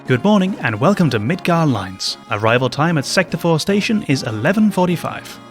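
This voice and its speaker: A man's voice: fairly high pitch, very animated, fairly quick, faint music behind. A man reading out a train's formal public address announcements, in the manner of a newsreader.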